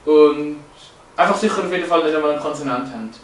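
This male presenter's voice sits on the high side and moves quickly as he walks through language features on slides. His delivery is halting, packed with fillers and false starts, and the audio is distant, echoey and roomy.

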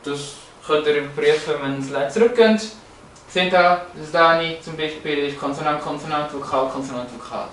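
A man's voice: on the high side, moderate pace, fairly bright tone, slight background noise. A man explaining language features from slides, hesitant, with many fillers and restarts. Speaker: presenter. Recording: roomy, echoey, from a distance.

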